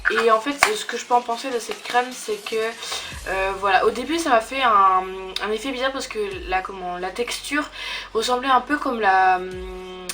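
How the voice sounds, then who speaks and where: A young woman with a fairly high voice talks through beauty products she has used up, in a relaxed, casual way. She hesitates often, restarting her sentences and filling gaps with "euh". Soft music plays faintly behind her. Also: normal speed. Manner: hesitant, many fillers and restarts. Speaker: beauty vlogger. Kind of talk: casual product review chat.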